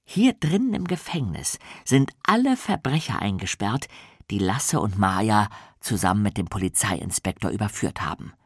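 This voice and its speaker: Male narrator for children's audiobook, animated storytelling, dry close sound. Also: on the low side, moderate pace, husky, dry recording. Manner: expressive, storytelling.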